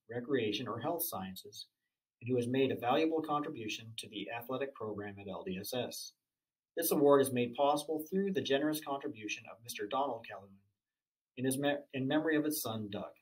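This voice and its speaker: A man with a mid-range voice reads school award announcements in a formal, even way. He moves steadily through names and criteria, now and then tripping on a word. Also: mid-range voice, rough recording. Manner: formal, even reading with small stumbles. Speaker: awards presenter.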